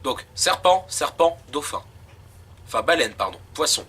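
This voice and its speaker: A man giving chatty let's play commentary, getting excitable as the action picks up. His voice is a touch high and bright. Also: measured pace, a little hiss or hum. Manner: chatty, excitable while playing. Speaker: game video co-host and player.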